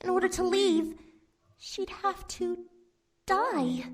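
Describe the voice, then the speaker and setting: A woman voicing a grave, worried female demon in a hushed tone while reading a game aloud. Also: very high voice, takes it slowly, slight background noise, pitched above the performer's own voice.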